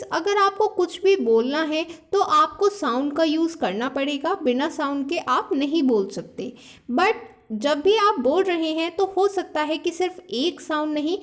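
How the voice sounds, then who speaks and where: A young woman teacher explaining a lesson step by step, mixing two languages, repeating key points and slowly reading out example words. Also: sits high. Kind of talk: classroom lesson explaining phonetics.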